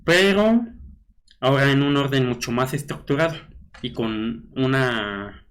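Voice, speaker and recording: A man's voice: mid-range voice, animated, measured pace, a bit bright. A man with a Mexican Spanish accent giving casual blog commentary, reading news snippets aloud and musing with frequent fillers and tag questions. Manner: conversational, musing with fillers like "este" and "¿no?". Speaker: blogger host.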